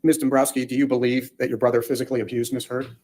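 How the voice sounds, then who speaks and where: Brisk male lawyer questioning formally. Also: medium pitch, little pitch movement, darkish tone. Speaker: lawyer examining a witness. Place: courtroom.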